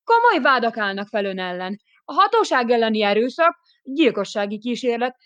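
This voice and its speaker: A woman's voice: a little high, sing-song, a bit bright, no echo, highs cut off, voice pushed up. A woman reading an audiobook, voicing a pompous male interrogating officer who stammers. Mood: indignant.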